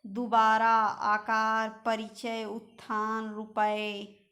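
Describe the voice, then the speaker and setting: A woman teacher going slowly through word lists in an exam-prep lesson, pointing out common spelling mistakes. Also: fairly high pitch, completely flat delivery, fairly bright tone. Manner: slow, reads out word lists and corrects common misspellings.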